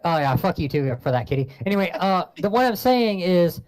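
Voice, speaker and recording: A man's voice: high voice, lively intonation, fairly quick, a little mellow, rough recording. A man co-hosting a casual podcast chat, heated and swearing constantly.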